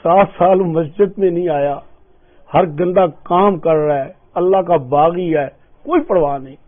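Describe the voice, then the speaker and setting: An older man preaching an emotional storytelling sermon, acting out the voices in his stories. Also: a little high. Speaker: Islamic preacher. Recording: tinny phone-like lo-fi sound.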